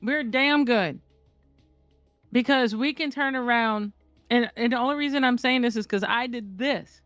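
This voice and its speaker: Woman, slightly high voice, blunt casual storyteller, dry close recording with faint music behind. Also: measured pace, dry recording. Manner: candid, blunt, swears freely, animated storyteller. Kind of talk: casual chat.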